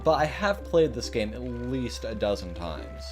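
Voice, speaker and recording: A man hosts a let's play over music, his mid-range voice carrying a sing-song lilt. His gameplay commentary is casual, rambling and self-deprecating, and he stumbles a bit whenever he reads something.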